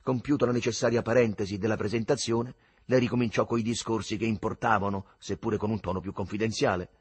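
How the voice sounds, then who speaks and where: Male audiobook narrator, husky and animated, dry close sound. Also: lowish voice, quick pace, no room sound. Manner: lively expressive reading.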